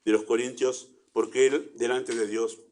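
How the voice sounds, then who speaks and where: A man's voice: medium pitch, little pitch movement, measured pace, a little mellow. A man with a Rioplatense Spanish accent preaching a sermon in church, conversational, with little acted asides. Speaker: pastor.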